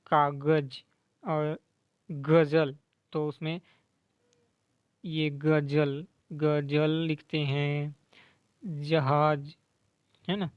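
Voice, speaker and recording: Male grammar teacher, slow and repetitive delivery, slightly higher voice, dry muffled sound. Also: no room sound. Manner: mixes English words into Hindi explanation; sounds out letters slowly to demonstrate. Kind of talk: explaining quiz answers to students.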